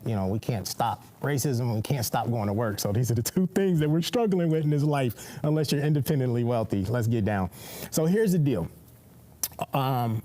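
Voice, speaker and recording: A man's voice: lowish voice, a little mellow. A man hosting a live-streamed discussion show, talking in a casual, emphatic way and often tagging his points with "right?".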